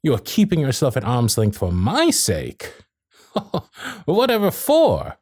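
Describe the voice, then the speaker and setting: In this romantic audio drama, the actor's husky mid-range voice goes slow and heavily acted as a Victorian gentleman suitor who is courtly, smitten, protective and witty. His period diction is genteel and flirtatious, his intonation lively, his mood earnest and coaxing. Recorded dry and intimate on a close studio microphone, with no room sound.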